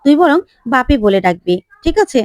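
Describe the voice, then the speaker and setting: A woman's voice: sits high, very animated, moderate pace, dry recording. A woman voicing a firm but kindly middle-aged mother who lays down the rules.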